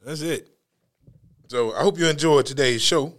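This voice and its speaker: A man's voice: medium pitch, moderate pace. Laid-back male podcast host. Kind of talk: casual chat.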